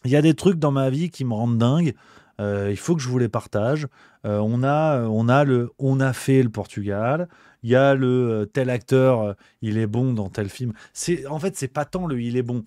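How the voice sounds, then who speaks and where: A man's voice: medium pitch, moderate pace, mellow, no echo, studio quality. A male host delivering a comedic rant on a livestream show, exasperated and swearing, repeating his grumbles.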